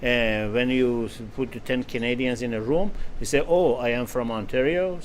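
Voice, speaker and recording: Halting man in casual discussion. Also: medium pitch, slight background noise. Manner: halting, repeats words while searching for phrasing. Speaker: co-host.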